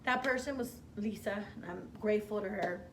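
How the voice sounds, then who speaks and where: Woman, interview guest, hair stylist, animated storyteller, acts out quotes, mid pitch, faint background hiss. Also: fairly quick.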